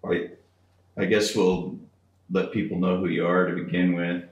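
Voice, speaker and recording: A man's voice: sits low, little pitch movement, normal speed, highs cut off. A man hosting a podcast, chatting casually as he introduces and interviews a guest. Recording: roomy computer-speaker recording.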